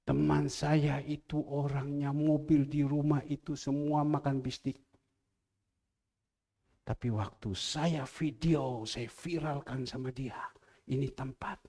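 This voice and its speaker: A man preaching a sermon as pastor, swinging between loud, emphatic lines and hushed asides and repeating key phrases for emphasis. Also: a little high, fairly even intonation, slow.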